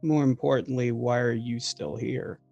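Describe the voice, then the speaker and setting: A man playing a reserved, formal vampire in a tabletop game, speaking in measured, terse, guarded lines. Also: mid-range voice, fairly even intonation, vocal fry, a little mellow, highs cut off, faint music behind. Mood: cool, probing.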